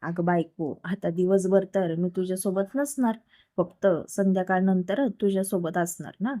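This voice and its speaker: A woman voicing a playful, teasing young husband in a storybook romance, reading him in her own low, mellow voice. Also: normal speed, dry recording, clean studio sound, close to an everyday voice. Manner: teasing, affectionate.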